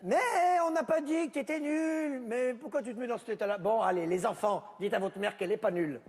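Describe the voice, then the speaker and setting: A husky, high-pitched man with a darkish tone speaks a little fast as he performs on stage, trading sarcastic jabs with unseen family over a board game. It's a one-man stand-up sketch, and the sound has a long reverb tail.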